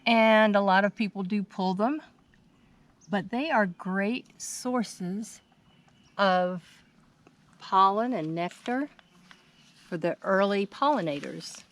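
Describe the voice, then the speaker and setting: Recorded on a handheld camera's built-in mic with surrounding outdoor noise, an American woman walks through her home's front garden. A home gardener with a mid-range voice, she narrates informatively and without a script, keeping her phrases simple and measured.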